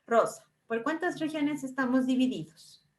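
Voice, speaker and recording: A woman teacher lectures her class in a high voice. She explains things step by step and keeps checking in with short tag questions. Her voice carries an echo, as if from a bare room. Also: moderate pace.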